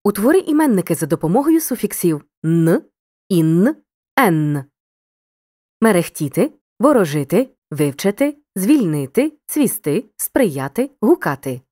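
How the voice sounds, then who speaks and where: A woman reading a scripted lesson, addressing the listener directly and spelling out example words clearly. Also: medium pitch, very animated, a little slow, mellow, no echo, clean studio sound. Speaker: teacher.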